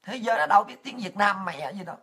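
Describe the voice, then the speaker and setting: A woman's voice: mid-range voice, expressive, fast talker, a bit bright, breathy edge. A woman with a Southern Vietnamese accent giving an angry, profane political rant. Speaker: political commentator.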